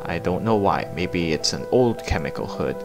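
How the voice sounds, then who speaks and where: A man's voice: sits low, expressive, normal speed, music in the background. A man narrating a hands-on product review in a plain-spoken, explanatory way.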